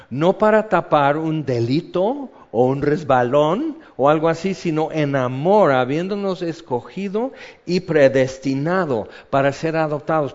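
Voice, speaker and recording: Middle-aged preacher, lively storyteller; dull recording with a long hall echo. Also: male voice. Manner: animated storytelling, acts out voices with big jumps in pitch and loudness. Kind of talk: sermon.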